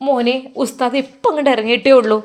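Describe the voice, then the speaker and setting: A warm, motherly wife from a spoken storybook, as a woman narrator puts her on. She coaxes and pleads in a Malappuram Malayalam accent. Her voice sits rather high. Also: quick pace, natural voice. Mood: welcoming. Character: kind middle-aged mother, teacher's wife.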